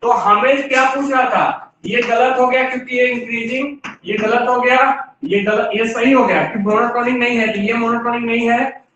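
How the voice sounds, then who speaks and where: Male math teacher, high bright voice, step-by-step explainer, heard from a distance with a dull tone. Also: steady tone, moderate pace, a little hiss or hum. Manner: explains step by step with rhetorical questions. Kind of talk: classroom lecture. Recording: distant, echoey room, dull sound.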